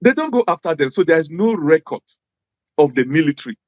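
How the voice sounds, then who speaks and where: A man's voice: a little high, sing-song, fairly quick, darkish tone, dry recording, muffled recording. A man from Nigeria, a native Hausa speaker, speaks English with a Hausa accent in an earnest, emphatic interview style, repeating phrases for stress. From Jos, Nigeria. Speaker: interview guest, former government official.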